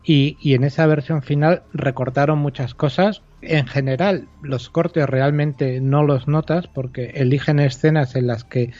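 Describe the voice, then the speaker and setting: A man's voice: on the high side, steady tone, a little slow, hardly any pauses, dark tone, no echo, dull audio. A man on a casual film podcast, explaining at length and often repeating words as he searches for the next one. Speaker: podcast co-host discussing film.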